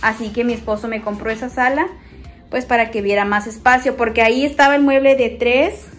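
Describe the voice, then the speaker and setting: Phone in hand, a vlogger walks through her small home for a casual house tour, chatting to viewers as if they were friends. Her voice is fairly high, steady, and brisk, with soft music playing behind it.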